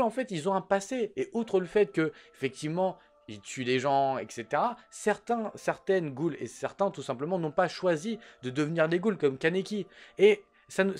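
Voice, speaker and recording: A man casually reviewing an anime episode in slangy talk, speaking straight to the viewer. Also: sits high.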